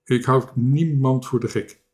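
A man's voice: medium pitch, fairly even intonation, unhurried, darkish tone, lightly acted. A man voicing a self-assured small boy captain. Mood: firm.

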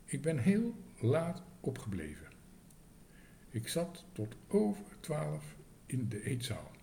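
A man's voice: mid-range voice, wildly swooping pitch, takes it slowly, vocal fry, warm tone, a little hiss or hum, voice pushed up, full character voice. A man voicing a fussy, indignant hotel guest who complains in a raised voice.

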